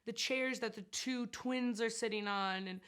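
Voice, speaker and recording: A woman's voice: fairly high pitch, a little slow, a bit bright, smooth. A woman chatting casually about making her film, giggly and rambling with plenty of fillers. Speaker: actress and set designer interviewed about her film. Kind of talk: casual chat.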